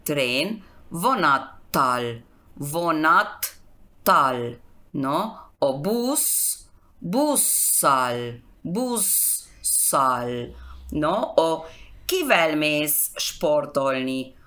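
A woman teaches a language on the radio. She speaks at an unhurried, drawn-out pace in a low register. She repeats each example word patiently, several times over. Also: sing-song, a bit bright.

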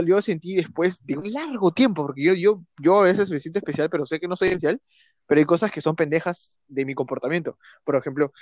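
A man's voice: a little high, no room sound. Laughing, foul-mouthed young man. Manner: laughing often, swearing, animated and jokey. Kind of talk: casual chat.

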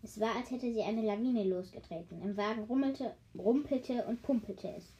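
A woman reading a children's story aloud. She often stops to joke with her listeners, stumbles over words and corrects herself, and uses a higher voice for the characters' short cries. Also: moderate pace, mellow, highs cut off, slight background noise. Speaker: reader of a children's book.

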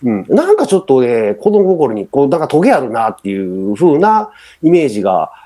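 Man, Kansai accent, middle-aged, casual chat, fast, mellow tone, filler-heavy. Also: a little high. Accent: Kansai Japanese. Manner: animated, rambling with many fillers. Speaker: podcast co-host.

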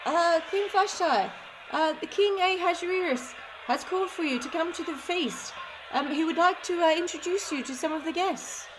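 A woman's voice: very high voice, normal speed, noisy background, voice pushed up. A woman voicing a nervous male palace messenger in a storybook reading, hesitating with ums and uhs. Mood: timid.

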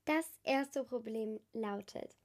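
A teenage girl runs her own podcast, talking earnestly to her listeners in a casual solo chat while congested from a cold. Her voice is fairly high and darkish in tone, and she speaks slowly.

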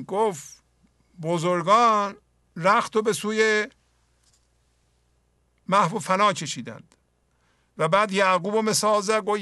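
A man hosting a spiritual poetry program, explaining the verses earnestly and dropping to a soft voice when he acts out inner dialogue. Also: high-pitched, no room sound, studio quality. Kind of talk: spoken commentary on mystical poetry.

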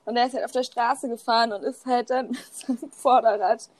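Young woman, casual chat, animated and cheeky, slightly high voice, dry close sound. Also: fairly quick, dry recording. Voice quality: animated, laughs often, swears casually.

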